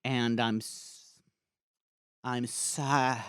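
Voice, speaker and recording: A man's voice: mid-range voice, level tone, very slow, fairly bright tone, clean tone, dry recording, clean studio sound. A man improvising a sheepish young male hobbit who rambles and stammers through an apology in a comedic podcast bit. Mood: stammering. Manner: rambling, stammering, crude joking.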